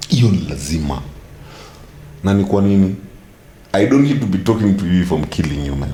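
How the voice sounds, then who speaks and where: Kenyan male for loose, sweary banter in Swahili and English, very animated, echoey room with faint noise. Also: deep voice, a little fast. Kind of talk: casual group banter.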